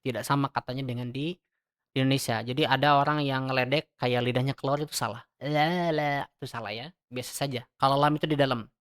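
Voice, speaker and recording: A man's voice: medium pitch, fairly even intonation, fast, fairly bright tone. A man teaching Quran reading in a recorded lesson, drilling Arabic letter sounds syllable by syllable and explaining where the tongue and mouth go.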